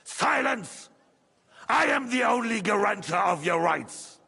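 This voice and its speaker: Imperious king with gravelly voice. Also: medium pitch, expressive, unhurried, a bit bright, exaggerated voice. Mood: stern, furious. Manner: haughty, formal, commanding. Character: imperious, embittered medieval king, scornful and calculating. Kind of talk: video game drama.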